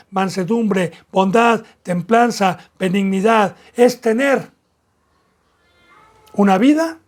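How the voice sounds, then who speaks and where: A man with a Mexican accent preaching a sermon as pastor, with emphatic, repetitive phrasing that rises in bursts. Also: high voice.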